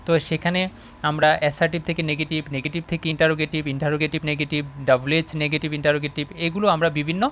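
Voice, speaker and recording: A man from Bangladesh giving an online English lesson. He talks straight to his students and often checks they follow. When he reads English aloud, he goes very slowly, word by word. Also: a little high, level tone, fairly bright tone, a little hiss or hum. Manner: talks to viewers as students, often asking "all right?". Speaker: English teacher.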